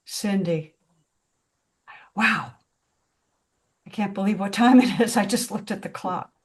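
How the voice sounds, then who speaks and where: Slow, reflective woman facilitator. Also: medium pitch, breathy edge. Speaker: discussion group facilitator. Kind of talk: spiritual group discussion.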